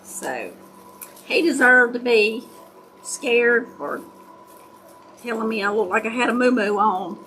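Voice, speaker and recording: Slow-drawling country woman with Southern US accent. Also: a little high, lively intonation, sharp tone, slight background noise, low-quality recording. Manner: folksy, self-described hillbilly country talk. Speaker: craft livestream host. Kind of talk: casual chat, storytelling to live viewers.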